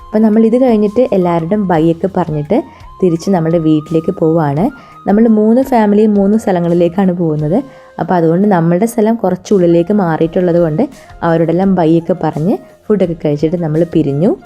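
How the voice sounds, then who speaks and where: A woman talks fast in a warm, lowish voice, and the sound is somewhat lo-fi with music underneath. She's narrating a laid-back travel vlog with a Malayali accent, blending English into her Malayalam.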